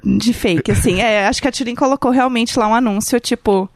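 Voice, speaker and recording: High-voiced Brazilian woman telling a story. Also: a little fast, no echo, clean studio sound. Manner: chatty, lots of fillers, swears when annoyed. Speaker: podcast co-host. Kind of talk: casual storytelling chat.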